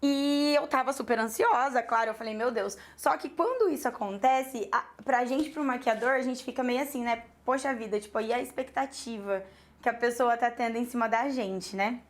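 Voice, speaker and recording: A Brazilian woman, a makeup artist, telling her students a client story in an animated way, acting out the dialogue. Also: on the high side, moderate pace. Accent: Brazilian Portuguese. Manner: lively, animated retelling with quoted dialogue and laughs.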